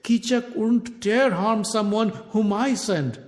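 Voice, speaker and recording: A man voicing a scheming queen in a storybook tale, soft and coaxing. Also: high-pitched, slow pace, big-room sound, voice pushed up.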